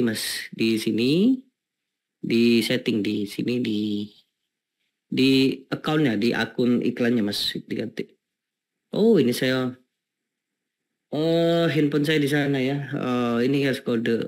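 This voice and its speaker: Chatty man teaching a webinar. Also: mid-range voice. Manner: chatty, repeats rhetorical questions to the audience, many fillers. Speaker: webinar host teaching landing pages. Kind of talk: casual online lesson.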